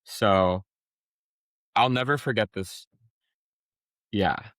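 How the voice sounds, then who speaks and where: A man's voice: on the low side, drawn-out words, fairly bright tone, no room sound. A man speaking as a podcast guest, telling a personal story frankly in a rambling way, with many restarts. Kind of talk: personal testimony in an interview.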